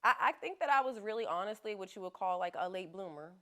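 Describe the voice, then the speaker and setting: A woman's voice: mid-range voice, animated, fast talker, pushed and bright. A woman in her thirties, a podcast guest, talking in a laid-back, slangy and frank way in casual chat.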